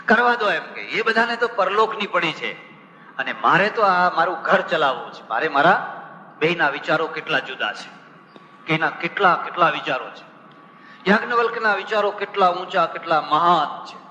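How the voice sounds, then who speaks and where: Male monk, discourse style: storytelling, audience questions, slow chanted verses. Bright, fairly high voice, roomy hall reverb. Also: animated. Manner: humorous storytelling with rhetorical questions; chants scriptural verses slowly. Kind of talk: spiritual discourse on scripture. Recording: reverberant hall with faint ambience.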